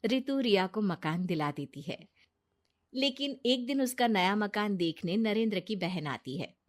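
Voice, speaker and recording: A woman narrating a cartoon story in a plain, steady way. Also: medium pitch, a little slow.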